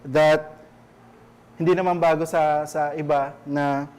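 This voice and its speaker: A man's voice: on the high side, flat delivery, slow pace, a little mellow, clean tone. A man with a Filipino accent preaching a conversational church sermon, often checking in with rhetorical questions. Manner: chatty, keeps asking rhetorical tag questions.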